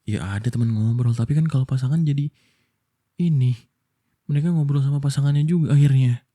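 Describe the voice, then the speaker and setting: A man from Indonesia doing a whispered boyfriend role-play, soft and coaxing as he soothes his partner. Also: medium pitch, brisk. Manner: soft, coaxing, affectionate toward listener.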